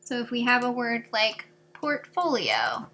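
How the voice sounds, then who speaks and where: A woman's voice: fairly high pitch, huge pitch swings, measured pace, sharp tone, a little hiss or hum. A woman teaching a fourth grade class in a recorded video lesson, patiently explaining grammar rules step by step with examples.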